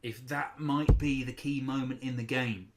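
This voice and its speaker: A male darts commentator speaks at a medium pitch in live sports style. He weighs up each throw and choice analytically. The recording has loud background noise with clicks. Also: fairly even intonation, normal speed.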